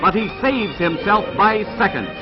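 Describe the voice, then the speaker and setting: A man narrating an old 1940s newsreel in a dramatic, booming announcer style. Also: expressive, moderate pace. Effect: old 1940s newsreel soundtrack. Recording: muffled old film sound under loud music.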